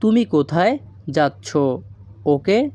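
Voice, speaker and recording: A man teaching a language lesson, spelling out phrases slowly and repeating them word by word. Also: high voice, sing-song, a little mellow, no room sound. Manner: slow, deliberate delivery, repeating phrases word by word.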